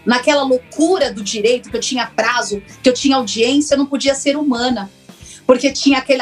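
A woman, a former lawyer now working as a therapist, telling her personal story in an interview in a reflective, earnest way with many pauses. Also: high-pitched. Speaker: interview guest, former lawyer turned systemic constellation therapist.

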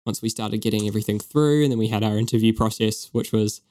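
A young man from New Zealand, speaking with a New Zealand accent, co-hosts a podcast in a chatty, upbeat and joking manner. His voice is fairly low-pitched and darkish in tone, and he talks fast.

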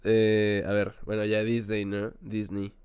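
A young Mexican man hosts a loose, slangy podcast chat and laughs a lot. He talks slowly, and his voice is smooth and clear. The sound is dry and close. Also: fairly low pitch, monotone, a little mellow, no room sound. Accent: Mexican Spanish. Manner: laughs often, slangy banter. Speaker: podcast host. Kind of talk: casual joking chat.

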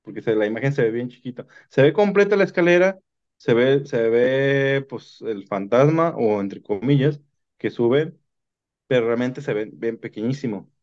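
A man's voice: mid-range voice, animated, moderate pace, darkish tone. A man with a Mexican Spanish accent, rambling through paranormal stories in casual chat and restarting his sentences often. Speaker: podcast guest telling paranormal stories. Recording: dull lo-fi sound.

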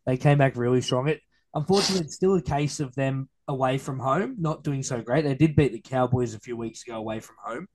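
Casting: Australian man, casual sports podcast host, medium-pitched, blokey, chatty delivery. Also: a little fast, darkish tone, husky, poor audio. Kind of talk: casual chatty match review.

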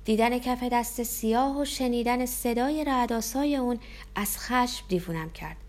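Female audiobook narrator, tense dramatic first-person story reading. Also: a little high.

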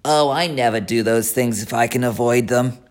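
A man's voice: medium pitch, moderate pace, voice pushed up, lightly acted. A man doing a sour, crafty old rat. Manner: sour, disdainful. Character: sour, gluttonous male rat, crafty and sneering.

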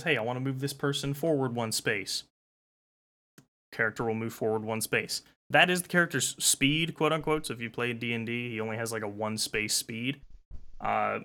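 Brief: young male host, bright forward tone, rambling rule explainer. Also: medium pitch. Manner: explains rules with loose fillers. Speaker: game master and host. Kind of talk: casual game show hosting.

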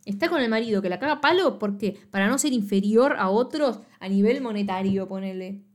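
Speaking a little fast with a medium-pitched, animated, slightly mellow voice, a young woman with a Rioplatense Spanish accent co-hosts a podcast. She reviews a film in casual chat, blunt and sarcastic, swearing freely.

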